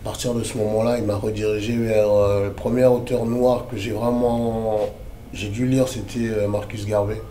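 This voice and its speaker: A man in his thirties from the Democratic Republic of the Congo talks in a casual, emphatic way with street slang. His voice is low and dark. The room around him is echoey. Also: a little hiss or hum. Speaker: interview guest, activist. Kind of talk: casual conversational interview.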